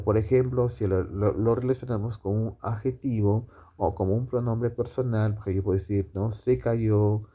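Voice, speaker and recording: Dark-voiced man explaining grammar. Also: on the low side. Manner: explains slowly with many fillers and tag questions. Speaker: teacher. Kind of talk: spoken grammar lesson.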